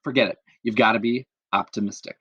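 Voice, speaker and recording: A man's voice: lowish voice, fairly even intonation, fast, a bit bright, breathy edge, no room sound, lo-fi sound. A man voicing a young woman in a story, pining for an absent friend and cheering herself up. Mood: hopeful. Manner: pining then upbeat self-talk. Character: young woman, wistful then hopeful.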